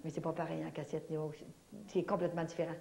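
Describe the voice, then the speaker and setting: A woman's voice: deep voice, level tone, fast talker, vocal fry, a little mellow. A woman with a Québécois accent giving a religious testimony at a church prayer evening, telling her story vividly and acting out the dialogue. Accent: Québécois French.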